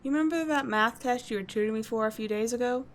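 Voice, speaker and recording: In an audio roleplay, a woman plays a tough yet kind teenage delinquent schoolgirl who speaks bluntly and casually to the listener, swearing and dropping halting, confiding asides. Her natural voice is fairly high-pitched, and she sounds sincere and grateful.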